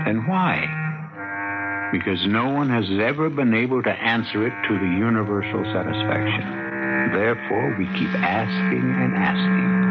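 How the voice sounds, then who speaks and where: Dull old radio recording, music behind, male drama host, low voice, deliberate, portentous narration. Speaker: host and announcer.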